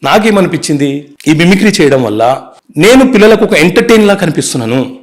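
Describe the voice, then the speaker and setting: A man, an advocate telling his life story in an interview, earnest and brisk, mixing in English words. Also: on the high side, very animated.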